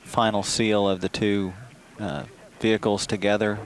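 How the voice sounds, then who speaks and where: A man giving live spaceflight commentary from a flight control room in a halting, matter-of-fact way. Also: fairly low pitch, flat delivery. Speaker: mission commentator. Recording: noisy control room feed.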